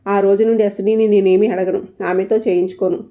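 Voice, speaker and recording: A woman voicing a sad, hurt older mother-in-law in a storybook reading, with a quiet, pained manner. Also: mid-range voice, little pitch movement, fast, natural voice. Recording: dull lo-fi recording.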